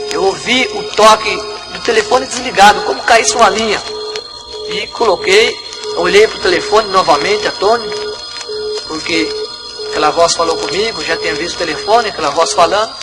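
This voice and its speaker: Male pastor, high-pitched testimony, music under him. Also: low-quality recording. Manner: repetitive, dramatic retelling. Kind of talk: religious testimony.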